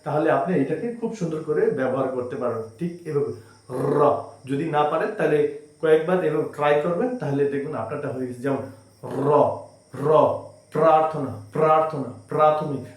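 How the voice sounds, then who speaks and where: A man teaches a reading lesson, repeating every sound slowly and patiently. His voice sits a little higher than most men's. The room rings with strong echo. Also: a little mellow, recorded from a distance. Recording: very echoey room.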